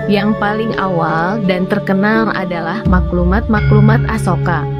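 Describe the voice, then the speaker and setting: A woman reads a scripted educational narration in a formal, deliberate manner, enunciating each word carefully. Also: on the low side. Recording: prominent background music. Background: music.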